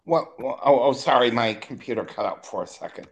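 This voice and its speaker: A man giving public comment over a video call whose choppy connection buffers, stutters and cuts out his words, talking haltingly with many ums. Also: medium pitch, muffled recording. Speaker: public commenter at a board meeting.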